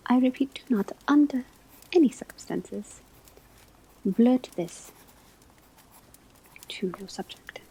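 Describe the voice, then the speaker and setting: Playing a calm teacher at a school of witchcraft in a soft ASMR roleplay, a woman speaks in a very breathy, mellow, medium-pitched voice that often drops to a whisper. She takes her time, choosing formal, measured phrases with gentle strictness. The audio quality is poor.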